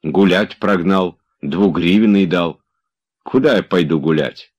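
A man's voice: deep voice, measured pace, darkish tone, slightly rough, muffled recording. Male reader as sulky old manservant, drawling refusals. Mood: puzzled. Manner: lazy, sullen, drawling.

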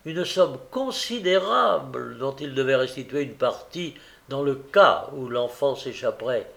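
A man reading a classic novel aloud as an audiobook, in a measured, theatrical manner. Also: medium pitch, animated, gravelly, a bit bright. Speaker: audiobook reader.

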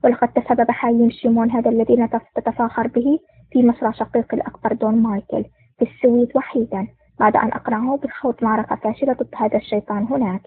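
A woman reading the lines of a stern, contemptuous male mafia boss in a storybook, in a calm, measured way. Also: fairly high pitch, husky, no room sound. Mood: angry. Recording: tinny phone-like dry recording.

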